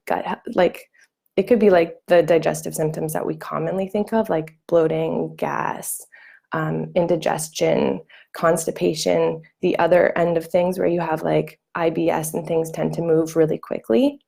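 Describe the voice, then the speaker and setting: A young woman talks to viewers on a live stream in a loose, chatty way, leaning on fillers. Her voice is gravelly and quite dark, sitting a little low. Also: little pitch movement, normal speed. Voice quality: gravelly morning voice. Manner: chatty, many fillers and restarts. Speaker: wellness coach hosting a live training.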